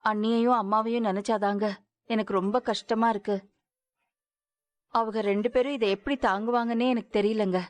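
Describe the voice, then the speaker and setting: A woman's voice: a little high, fairly even intonation, normal speed, pauses often, no echo, natural voice. An actress in a TV serial playing a worried middle-aged mother and wife who pleads and reproaches through tears. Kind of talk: Tamil TV serial acting.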